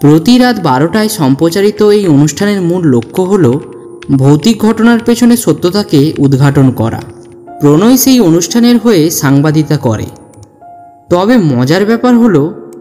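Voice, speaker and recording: Reading a ghost story from a script, this narrator has a warm, somewhat high voice and builds drama and suspense as he goes. There's music beneath him and a long, hall-like reverb on the recording.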